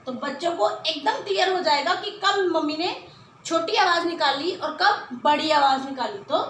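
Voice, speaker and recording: A woman leads a children's Hindi lesson in a very slow, drawn-out way, asking question after question as she sounds out each word. Her voice is very high and bright. The recording is echoey, with faint noise behind her. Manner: slow, drawn-out syllables when sounding out words; patient explaining, frequent rhetorical questions. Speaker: Hindi teacher.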